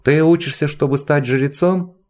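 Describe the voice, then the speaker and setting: A man's voice: a little high, steady tone, moderate pace, a little mellow, pitched above the performer's own voice, natural voice. A man voicing a bold young girl who poses as a noble lady, asking eager, probing questions with put-on politeness in a storybook reading.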